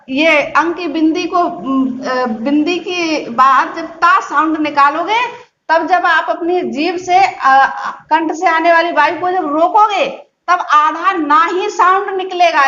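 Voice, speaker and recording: A woman teacher giving a reading lesson, speaking slowly and patiently, repeating words syllable by syllable. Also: extremely high pitch, sharp tone. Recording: dull, echoey room.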